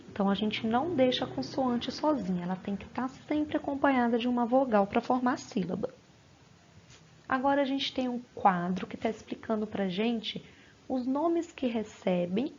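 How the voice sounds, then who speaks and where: A woman teaches young children in a recorded lesson, breaking words into syllables with slow, patient care. Her voice sits a little high with a husky edge. The recording sounds dull and lo-fi, like a home setup. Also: a little mellow.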